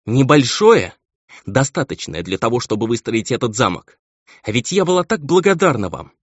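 A man's voice: medium pitch, very animated, moderate pace, no echo, pitched above the performer's own voice. A man voicing a bitter, scornful noblewoman and mother in a raised voice, on a dull, lo-fi recording.

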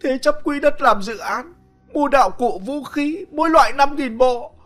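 Man voicing young village wife, sobbing, pleading, high-pitched, wildly rising and falling, audio ghost story. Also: big pitch swings, fairly quick, faint music behind. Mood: wailing. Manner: wailing, pleading, high and strained.

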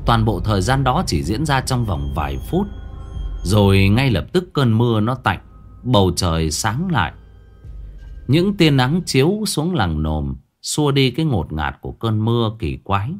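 Man telling a lively ghost story. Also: fairly low pitch, unhurried, soft background music. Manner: lively, colloquial, expressive telling. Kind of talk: narrating a folk ghost story.

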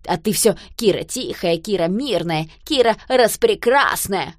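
A woman voicing a cross, bearded young man who speaks bluntly and loudly, grumbling and dodging. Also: medium pitch, expressive, measured pace, no echo, studio quality, natural voice. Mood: angry, blunt.

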